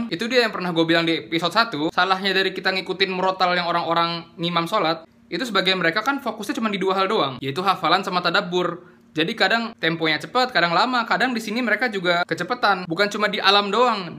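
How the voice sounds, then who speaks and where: Young man, high bright voice, casual recitation teacher demonstrating sounds. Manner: slangy, demonstrates sounds by repeating them slowly. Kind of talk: casual tajwid lesson with recited examples.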